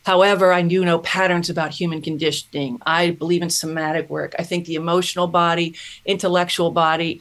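Earnest, reflective middle-aged woman. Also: fairly low pitch. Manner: earnest, thoughtful, pauses and restarts mid-thought. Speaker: podcast guest, self-mastery mentor. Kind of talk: reflective personal storytelling.

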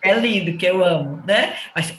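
A woman's voice: lowish voice, normal speed, reverberant, noisy background. A woman from Ceará with a Northeast Brazilian accent, a political journalist chatting as a podcast guest and telling stories, acting out the voices of people she quotes. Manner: animated storyteller, acts out quoted voices. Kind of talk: casual chat.

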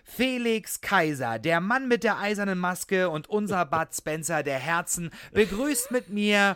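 A podcast co-host with a fairly high male voice throws himself into brash hype, like a promoter introducing a fighter. The sound is close and dry. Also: expressive, unhurried, a bit bright, smooth, no echo. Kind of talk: casual podcast chat.

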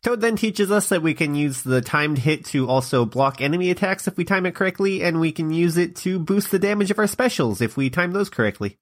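A man's voice: on the high side, expressive, brisk, hardly any pauses. A man narrating a video game playthrough in comedic play-by-play with wry joking asides.

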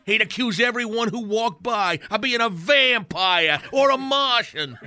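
A man's voice: high-pitched, animated, unhurried, pushed and bright, exaggerated voice. A man playing a grumbling, cantankerous old man in a rambling, folksy comic radio monologue about the old days. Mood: gleefully ranting. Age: older. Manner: crotchety, rambling, folksy mock-nostalgic storytelling.

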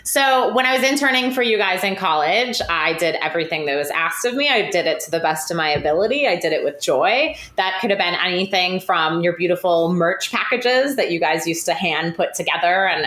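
A woman hosts a podcast and tells her stories in a lively, talkative way. She piles on fillers and restarts her sentences often. Her voice carries a roomy echo. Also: lowish voice, brisk, hardly any pauses. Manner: animated, chatty, frequent fillers and restarts. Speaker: podcast host. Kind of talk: conversational interview storytelling.

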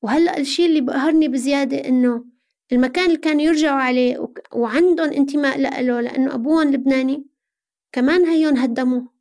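A Syrian woman speaks in a high-pitched voice as she answers in an interview. Her delivery is conversational and earnest, laying out explanations and posing rhetorical questions as she goes. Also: very fast, a little mellow. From Syria, Aleppo. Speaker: interview guest.

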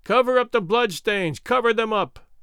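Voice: mid-range voice, moderate pace, a bit bright, clean tone, no echo, clean studio sound, voice pushed up, natural voice. A man reading an audiobook voices a wizened, monkey-like herald with a thin, piping voice that shrills out proclamations.

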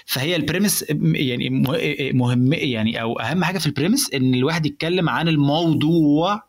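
Rapid-fire Egyptian man explaining comedy. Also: on the high side. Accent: Egyptian Arabic. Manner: fast, animated, mixes in English words. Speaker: stand-up comedian explaining joke writing. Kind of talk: casual chat.

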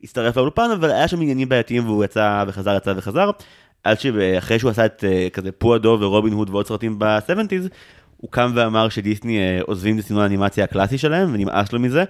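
A man in his thirties hosting a podcast, chatty and jokey, full of quick asides. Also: fairly low pitch, lively intonation, smooth. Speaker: podcast host. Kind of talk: casual podcast chat.

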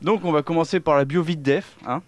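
Columnist on a chat podcast, slightly high, joking and cheeky. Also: male voice, brisk. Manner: cheeky, self-mocking, joking. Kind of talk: casual comedic podcast chat.

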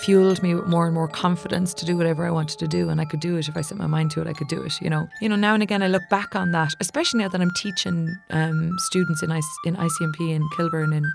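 A woman's voice: fairly low pitch, steady tone, fast, creaky, few pauses, over music. A woman with a West of Ireland accent telling a personal story casually and animatedly, acting out what people said. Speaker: musician and songwriting teacher.

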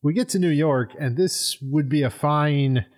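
A man in a podcast chat giving a measured opinion on a film, weighing its two halves. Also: on the high side, darkish tone. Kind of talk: casual film-review chat.

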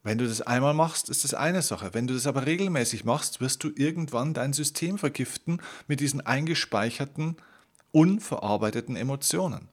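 A man's voice: medium pitch, moderate pace. A man hosting a self-help podcast, talking earnestly and directly to the listener as a coach. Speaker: podcast host. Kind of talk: motivational self-help monologue.

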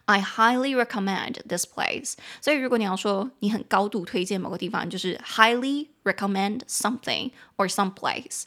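A young woman with a Taiwanese Mandarin accent hosts a casual bilingual English lesson podcast. She chats, then slows down to spell out and repeat words. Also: mid-range voice, a bit bright. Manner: chatty, spells out words slowly and repeats them. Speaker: podcast host teaching English.

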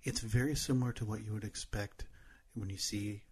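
Give a hushed, breathy whispered role-play ASMR voice, low and soft, as a man puts it on for a laugh. It is a mock-soothing murmur, pitched below his normal talk. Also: fairly even intonation, moderate pace, a little hiss or hum, natural voice.

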